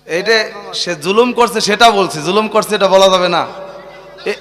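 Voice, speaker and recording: A male preacher giving an impassioned sermon, often shouting. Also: sits high, normal speed, big-room sound. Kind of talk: fiery outdoor sermon.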